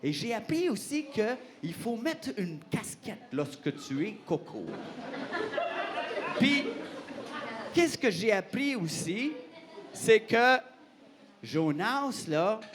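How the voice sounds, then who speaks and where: A man telling a Bible story to children in a playful, expressive way, asking the audience questions. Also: high-pitched. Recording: roomy hall, faint noise.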